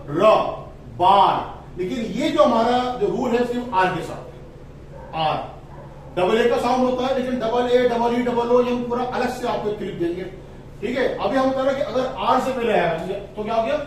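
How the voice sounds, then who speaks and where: A man teaching English phonics in a lesson, spelling out letters slowly and stressing the vowel sounds. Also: very high voice, slight background noise. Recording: echoey room, voice from a distance, faint ambience.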